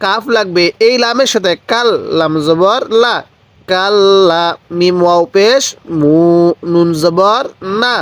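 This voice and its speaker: A man's voice: high-pitched, slow pace, fairly bright tone, clear, resonant tone, no room sound. A man teaching Quran reading, spelling out Arabic syllables and repeating them patiently for learners to read along. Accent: Bangladeshi Bengali. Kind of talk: slow spelled-out recitation lesson.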